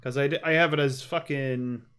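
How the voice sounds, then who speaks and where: A man's voice: medium pitch, steady tone, normal speed, fairly bright tone, clean tone. A man livestreaming a game with casual, informal commentary, chatting to viewers in a self-deprecating, sweary way.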